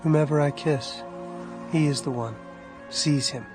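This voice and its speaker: An actor playing Judas, a treacherous disciple, in a dramatized audio Bible with terse, conspiratorial delivery. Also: male voice, a little high, unhurried, music in the background, natural voice. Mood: scheming, commanding. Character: treacherous male disciple Judas, betraying his master.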